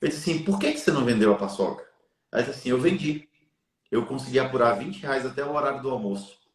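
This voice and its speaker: A man's voice: medium pitch, expressive, fast. Man, mid-range voice, earnest storyteller with a preachy faith lesson; roomy echo on the mic. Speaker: live stream guest. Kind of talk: storytelling in a live chat.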